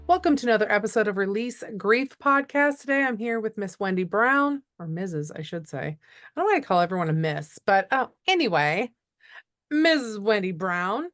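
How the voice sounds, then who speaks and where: A woman hosting a grief podcast, speaking in a gentle, encouraging way. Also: medium pitch, lively intonation, normal speed, dry recording, clean studio sound, faint music behind. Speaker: podcast host. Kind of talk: podcast interview.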